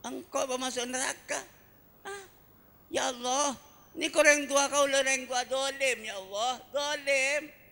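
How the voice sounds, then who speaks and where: A man voicing a young child who pleads tearfully to God in high, plaintive wails. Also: a little slow, sharp tone, in a large hall, heavily acted. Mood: pleading. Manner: high plaintive wailing pleas.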